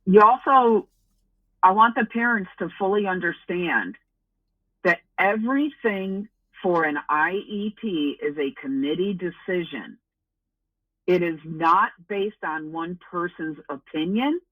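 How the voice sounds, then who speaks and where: A woman's voice: fairly low pitch, measured pace, breathy edge, no echo. A woman speaking as an education advocate, giving emphatic and reassuring advice to parents. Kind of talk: advice in conversation. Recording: tinny phone line.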